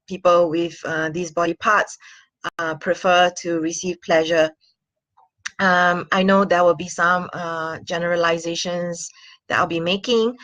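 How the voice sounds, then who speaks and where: A sex and intimacy coach from Singapore, a woman in her 40s, speaks earnestly to her webcam in a small room for a casual talking-head vlog, scattering fillers and little laughs throughout. Her voice is lowish and a bit bright, and the rough recording has no echo.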